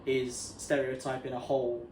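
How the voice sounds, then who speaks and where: A young man co-hosts a relaxed podcast chat, working through his opinions slowly and hedging as he goes. His voice sits at an ordinary middle pitch. The room sounds echoey, with a faint background noise. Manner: thoughtful, hedging with "like" and "you know". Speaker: podcast co-host. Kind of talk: casual chat.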